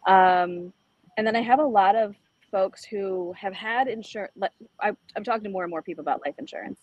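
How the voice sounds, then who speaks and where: A woman's voice: medium pitch, a little fast, no echo, highs cut off. A middle-aged woman from El Salvador, an insurance agent, chatting as a radio guest with many ums and restarts. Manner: conversational with frequent fillers and restarts. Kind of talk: casual radio interview. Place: high school.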